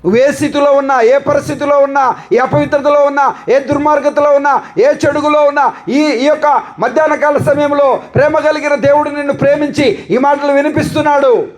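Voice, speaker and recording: This male pastor's voice is extremely high, fairly quick, and fairly even in intonation as he preaches into a microphone. His Telugu sermon relies on rhetorical questions and repeated lists, drawing call-and-response from the congregation, on a rough recording.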